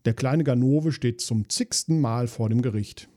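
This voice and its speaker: A man's voice: medium pitch, measured pace, dark tone. A man hosting a podcast, reading jokes aloud in a dry, weary, self-mocking way, with asides between them.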